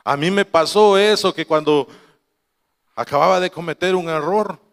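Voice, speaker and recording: A man's voice: high-pitched, normal speed, long reverb tail. A man preaching a sermon to his congregation, telling a family story with quoted voices and laughing asides. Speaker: pastor.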